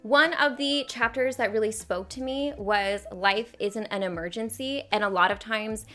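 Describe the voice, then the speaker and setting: Chatty young woman with a bright voice. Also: mid-range voice, normal speed, faint music behind. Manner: chatty, frequent "like" fillers. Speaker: vlogger reviewing books. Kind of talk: casual talk to camera.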